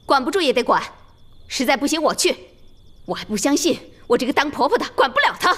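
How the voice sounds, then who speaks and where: A woman's voice: high voice, animated, fast talker, fairly bright tone. A middle-aged actress playing an insistent, meddling mother-in-law lecturing her son. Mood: determined. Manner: scolding, insistent.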